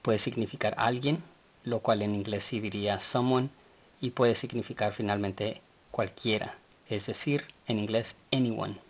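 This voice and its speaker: A man teaching a language lesson, speaking slowly and spelling words out letter by letter. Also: on the low side, fairly even intonation, dull audio.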